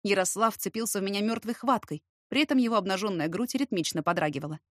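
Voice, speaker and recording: A woman reading a novel aloud as a first-person narrator, steady and expressive. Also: medium pitch, quick pace, no room sound, clean studio sound. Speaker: audiobook narrator.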